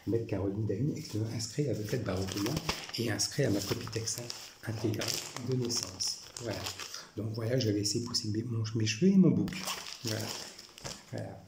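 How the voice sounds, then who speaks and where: Man in his forties from France, low voice, rambling and repetitive, echoey room, noisy background. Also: animated, brisk. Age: 40s. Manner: repetitive, says "voilà" constantly. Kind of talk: rambling monologue showing personal photos.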